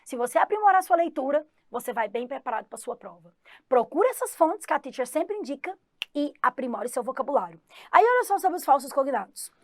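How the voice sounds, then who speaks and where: Brief: chatty exam-prep teacher, woman, Goiás accent, slightly high voice, close dry mic. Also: brisk, dry recording. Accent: Goiás Brazilian Portuguese. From Goiás, Brazil. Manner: lively, chatty, talks to students directly. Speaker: English teacher. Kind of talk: online exam-prep class.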